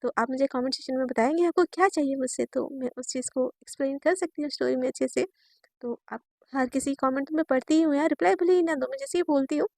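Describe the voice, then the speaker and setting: High-voiced chatty woman storyteller. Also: fast talker, gravelly, a little mellow, dry recording. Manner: chatty, addresses viewers directly. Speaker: storyteller, channel host.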